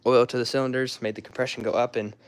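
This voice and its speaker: Hoarse young man rambling about cars. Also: mid-range voice, little pitch movement, fast talker. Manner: rambling, loose and offhand, trails off mid-sentence. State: hoarse, throat-clearing, coughing. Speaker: car hobbyist showing his garage. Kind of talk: casual walkaround vlog.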